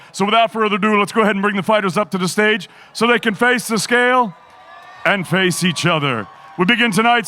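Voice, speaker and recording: A man announcing fights theatrically as the host of a boxing weigh-in, with booming, drawn-out calls like a lucha libre announcer. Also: sharp tone.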